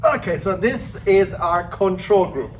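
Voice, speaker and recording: A man with a high voice and lively intonation gives a casual, hands-on product review at an unhurried pace, easygoing and joking. The recording has roomy echo, background noise and clicks.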